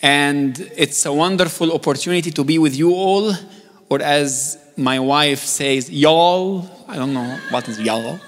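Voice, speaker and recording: A man's voice: fairly high pitch, measured pace, fairly bright tone. A man from Egypt, preaching a sermon as a guest, joking at times and building to emphatic, urgent calls. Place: church sanctuary. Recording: long church reverb.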